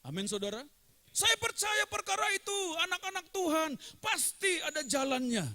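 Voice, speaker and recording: A man preaching with a high, bright, ringing voice. He tells stories by acting out both sides of a conversation, then builds to fervent, emphatic calls to his congregation. A pastor's sermon delivery, animated and insistent. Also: normal speed. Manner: storytelling with acted dialogue, rising to fervent exhortation.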